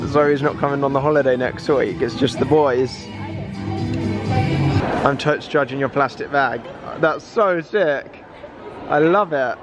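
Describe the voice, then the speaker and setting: A man's voice: medium pitch, unhurried, pauses often, music in the background. A man in his twenties with a southern English accent, chatting casually and informally as a vlogger. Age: 20s. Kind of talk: casual vlog chat. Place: in a parked car, on city streets and in shops. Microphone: handheld vlog camera at arm's length.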